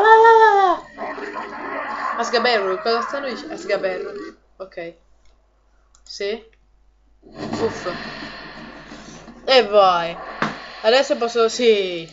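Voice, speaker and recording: Excitable woman commenting on gameplay. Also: a little high. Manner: excitable, chatty, laughs often, addresses viewers. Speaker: gaming video host. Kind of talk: let's play commentary. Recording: lo-fi audio with game music behind. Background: game music.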